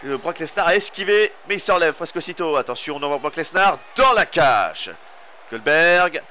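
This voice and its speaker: Male game commentator with a French accent, energetic play-by-play, slightly high pitch. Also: fast. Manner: excitable, rising to shouts on big moves.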